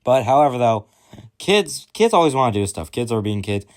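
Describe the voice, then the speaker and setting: A man's voice: medium pitch, sing-song, fairly quick. A man telling crude comic stories in a rambling, exaggerated rant. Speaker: comedian.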